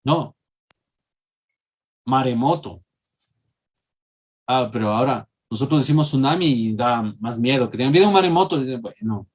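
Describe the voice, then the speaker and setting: A husky-voiced man. He lectures a classroom in an engaging way, often tagging his points with a quick question to the students. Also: medium pitch. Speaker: teacher.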